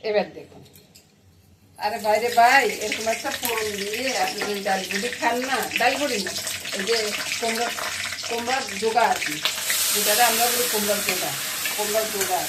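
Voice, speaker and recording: A middle-aged Bangladeshi woman with a Noakhali Bengali accent chats casually in a cooking vlog from her home kitchen, constantly asking viewers "you get it?" Her high voice is a little fast with fairly even intonation, and loud frying and sizzling fill the background.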